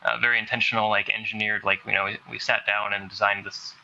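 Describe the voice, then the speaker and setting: A man's voice: on the low side, flat delivery, quick pace, vocal fry, pushed and bright, lo-fi sound. A man in a casual science discussion, speaking skeptically with hedges. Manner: skeptical, hedging. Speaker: discussion participant.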